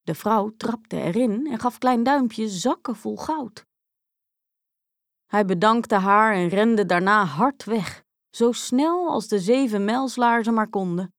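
Slow, expressive woman reading a fairy tale. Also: fairly high pitch, no room sound, clean studio sound. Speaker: storyteller. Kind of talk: scripted fairy-tale narration for children.

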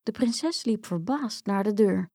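A woman reading a children's fairy tale aloud in a lively, expressive way. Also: mid-range voice, unhurried, dry recording, studio quality. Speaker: storyteller. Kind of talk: storybook read-aloud.

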